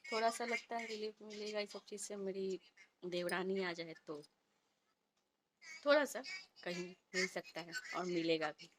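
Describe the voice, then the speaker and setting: A woman in her thirties chatting softly in a casual home vlog, recorded at home on a phone set a little way off. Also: fairly low pitch, background noise. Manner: speaks softly and quietly. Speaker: vlogger and homemaker. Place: indoors at home. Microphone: phone placed a little way off.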